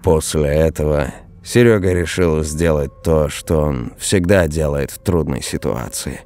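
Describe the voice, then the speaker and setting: A man narrating a horror story in a steady storytelling voice. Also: rumbling low, unhurried.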